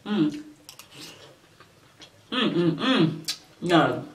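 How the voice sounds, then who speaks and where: A woman's voice: fairly low pitch, very slow, recorded from a distance. A woman vlogger chatting casually to her viewers while her mouth is full of rice. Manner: animated, talks to viewers as y'all. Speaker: mukbang vlogger. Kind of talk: casual chat while eating. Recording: roomy echo, mic set back.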